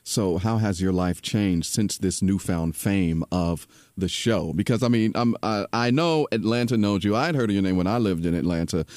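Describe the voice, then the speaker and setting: A man hosting a radio interview in a smooth, laid-back, quiet late-night voice, chatting casually. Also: deep voice, moderate pace, few pauses, dry recording, clean studio sound. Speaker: radio host.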